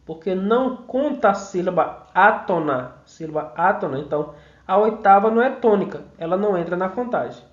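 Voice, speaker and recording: A man's voice: high voice, lively intonation, normal speed. A man giving an online mini-course lecture, explaining step by step, counting syllables aloud and often checking in with tag questions. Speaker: course instructor. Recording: roomy, dull lo-fi sound.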